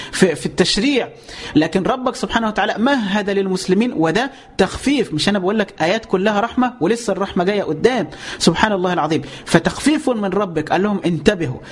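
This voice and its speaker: A man with an Egyptian accent explaining scripture in a lesson, lively, asking rhetorical questions and often breaking into pious exclamations. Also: high voice. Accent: Egyptian Arabic. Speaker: religious teacher.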